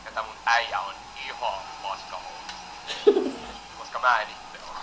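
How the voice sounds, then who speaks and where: A woman's voice: a bass voice, fairly even intonation, background noise. A young woman playing a horror game while chatting casually, swearing constantly and yelping when startled. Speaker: game player. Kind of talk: casual let's-play commentary.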